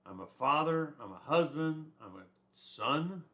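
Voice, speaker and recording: This instructor is a retired soldier, older, German-born and American-raised, who talks through a textbook chapter casually with asides and restarts. His slightly high voice is animated, pushed and bright, a little slow, on a slightly dull lo-fi recording.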